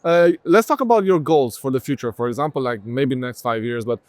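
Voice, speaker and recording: Fast-talking man from Romania hosting. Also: medium pitch, no echo. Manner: quick, chatty, halting restarts. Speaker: podcast host, company CEO. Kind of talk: conversational interview.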